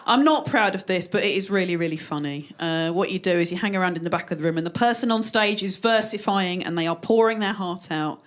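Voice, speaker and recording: A woman's voice: lowish voice, fast talker, hardly any pauses. A woman in her forties doing a stand-up comedy set on a club stage, with a dry, self-deprecating delivery.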